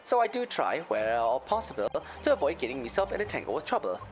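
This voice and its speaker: A man's voice: a little high, sing-song, quick pace, slight background noise. A man voicing a folksy, genial Irish moneylender in a courtroom game, with an Irish accent and a theatrical lilt. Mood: slyly genial. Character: folksy, smooth-talking Irish moneylender, genial male witness. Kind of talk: voiced reading of game dialogue.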